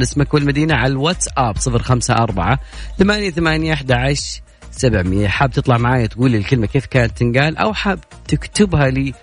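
A man hosting a casual radio talk show, chatty and playful. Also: medium pitch. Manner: chatty, playful, fast-talking. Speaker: radio host.

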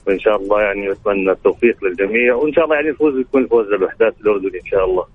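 A man's voice: lowish voice, very fast, breathy edge, soft background music. A man calling in to a radio show over the phone, talking hesitantly and filling gaps with stock pious phrases. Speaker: caller to a sports radio show. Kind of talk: casual phone-in chat. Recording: tinny phone line.

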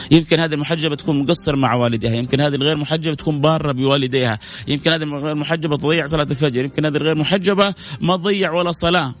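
Fast-talking Saudi man hosting advice talk. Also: on the high side. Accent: Saudi Arabic. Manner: animated, preachy, mocking asides. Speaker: host. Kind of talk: religious advice talk show.

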